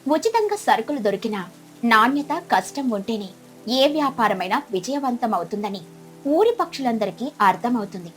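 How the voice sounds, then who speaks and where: A woman narrating a cartoon moral story in a clear, steady storytelling voice. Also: on the high side, normal speed, faint music behind.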